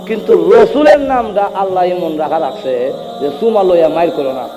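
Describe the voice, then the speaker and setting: A man preaching a Bengali waz sermon in a sing-song way, speaking with a tinge and urging the crowd to answer louder. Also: high voice, normal speed, noisy background. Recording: long hall reverb.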